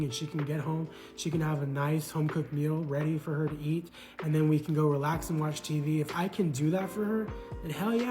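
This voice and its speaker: A man talking earnestly about his failed marriage, with a lot of "you know" and repeated words. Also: on the high side. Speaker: man recounting his divorce. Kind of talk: casual reflective monologue.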